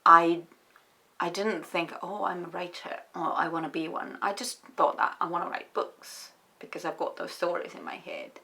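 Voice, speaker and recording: A woman from Estonia, a writer answering interview questions in a reflective, hesitant way with many pauses and restarts. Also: on the low side, expressive, vocal fry, pushed and bright.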